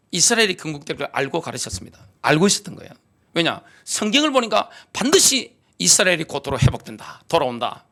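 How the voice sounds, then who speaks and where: A man's voice: a little high, sharp tone. A middle-aged man with a Gyeongsang Korean accent, preaching a sermon as pastor, emphatic and full of rhetorical questions. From Gyeongsang region, South Korea.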